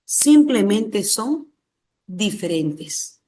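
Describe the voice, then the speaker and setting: In a dark, sing-song voice of medium pitch, delivered extremely slowly, a Peruvian woman teaches an exam-prep language class. With her Peruvian Spanish accent, she questions the class, answers herself, and regularly adds tag questions.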